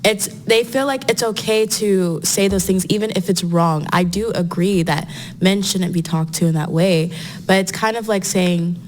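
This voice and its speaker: A woman's voice: on the low side, normal speed. A woman arguing insistently on a podcast, often stopping and restarting mid-word. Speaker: podcast guest. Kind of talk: heated podcast debate.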